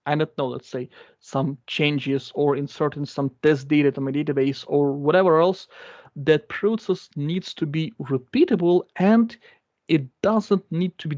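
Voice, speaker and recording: This man's voice sits a bit high with a darkish tone as he guides listeners through a database demo during a live coding session. English isn't his native tongue, and as a guest speaker he explains casually, repeats himself, and fills pauses often. The computer mic recording is dry, dull, and lo-fi.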